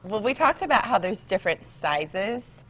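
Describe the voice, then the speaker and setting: American female lifestyle host, 30s-40s, medium pitch, chatty and enthusiastic interviewer. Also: big pitch swings, moderate pace, a bit bright, poor audio. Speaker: TV show host. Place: TV studio set, indoors.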